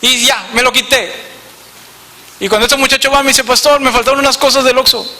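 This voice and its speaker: A pastor with a northern Mexican Spanish accent tells an animated story in his sermon, speaking directly to his congregation. His voice is extremely high-pitched and a little fast, and the church hall recording is reverberant.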